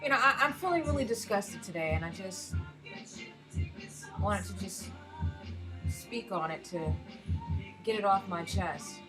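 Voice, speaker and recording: A woman's voice: medium pitch, expressive, unhurried, pauses often, over music, poor audio. An American woman in a casual personal rant, speaking frankly with heavy swearing and emphatic rhetorical questions. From United States. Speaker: vlogger, self-described erotic artist.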